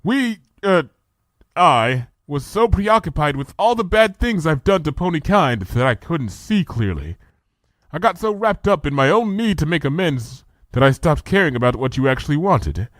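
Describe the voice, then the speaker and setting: A man's voice: a little high, sing-song, normal speed, no room sound, pitched above the performer's own voice. A man voicing a regal, remorseful ancient princess mare who speaks in a solemn, formal way for a storybook reading. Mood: remorseful, earnest.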